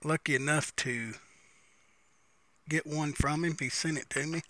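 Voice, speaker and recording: A man's voice: fairly high pitch, fairly even intonation, unhurried, bright, forceful tone. A man giving a casual, unscripted, folksy review, musing and repeating phrases as he smokes a pipe between them. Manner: talks while smoking a pipe between phrases.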